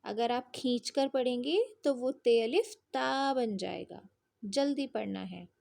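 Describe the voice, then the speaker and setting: Slow, high-voiced woman teaching children. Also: gravelly, darkish tone. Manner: patient, drawn-out spelling drills with frequent check-ins.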